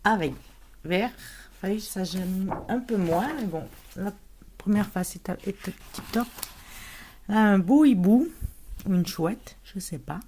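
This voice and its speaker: A woman talks through a scrapbooking haul in a relaxed, unhurried way. She hesitates often, trailing off and restarting her sentences. A faint hiss sits under her voice. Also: medium pitch. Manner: chatty, hesitant, many fillers and restarts. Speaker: scrapbooking vlogger. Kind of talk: casual haul unboxing.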